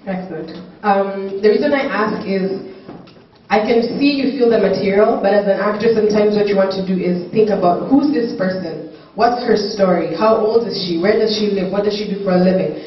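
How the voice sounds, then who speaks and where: A woman's voice: medium pitch, brisk. A woman judging a talent show, giving encouraging feedback and practical coaching tips to a contestant. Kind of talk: live spoken feedback to a contestant. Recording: echoey hall, distant dull microphone, faint noise.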